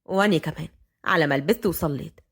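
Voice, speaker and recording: A stern young Upper Egyptian clan head barks short orders in a lowered, gruff voice, as a woman storyteller puts him on. He is quick-tempered and commanding, with an Upper Egyptian accent, in an audio storybook. The tone stays clipped and tough. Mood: restrained. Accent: Upper Egyptian Arabic. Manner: curt and commanding.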